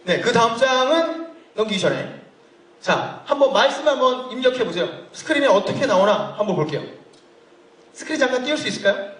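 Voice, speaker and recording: A man hosting a live event, bouncing around in pitch and teasing the audience as he coaxes them along. His high voice rings through a large, echoey conference hall. It reaches the mic from some distance away. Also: very animated, a little fast, fairly bright tone. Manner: playful, jokey, coaxing the crowd. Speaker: event host warming up the audience. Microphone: handheld mic heard from a distance.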